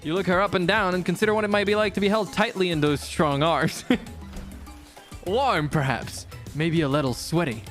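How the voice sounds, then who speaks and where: A man's voice: high-pitched, fairly even intonation, moderate pace, fairly bright tone. A man streaming a game, switching between casual, sweary commentary and dramatic read-aloud narration. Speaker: streamer playing and voice-acting a game. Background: background music.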